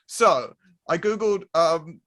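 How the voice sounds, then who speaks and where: A man with a notably high voice, chatting on a comedy panel. He rambles eagerly with plenty of ums and asides, loose and playful. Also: takes it slowly, a bit bright. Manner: rambling, enthusiastic, lots of fillers. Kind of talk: casual comedic banter.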